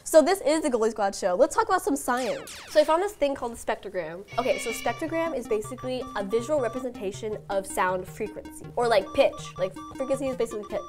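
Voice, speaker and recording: A young woman hosting a kids' show in an excitable, casual way, peppering her talk with filler words. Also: on the high side, quick pace, few pauses, over music. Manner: excitable, casual, says "like" often. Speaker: show host.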